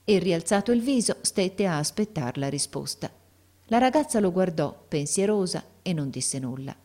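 A woman narrating a classic story aloud with steady, expressive reading. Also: on the low side, normal speed.

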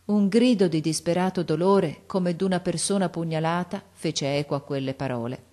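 A woman narrating a classic story in an expressive, measured way. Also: lowish voice. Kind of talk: audiobook narration of a classic novel.

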